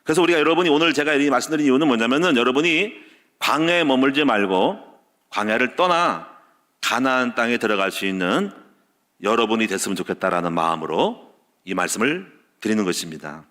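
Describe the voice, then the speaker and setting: A man preaching a sermon as pastor, stacking short repeated clauses and telling personal stories, with loud peaks and quiet dropped endings. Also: medium pitch, expressive, brisk. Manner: tells personal stories with laughter. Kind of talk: Wednesday service sermon.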